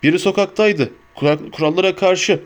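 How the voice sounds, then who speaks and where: Man doing threatening dark-wizard guards, curt and cold, audiobook voices. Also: sits high, fairly quick, voice pushed up, natural voice. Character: menacing male dark-wizard enforcers, threatening. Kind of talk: audiobook character voice.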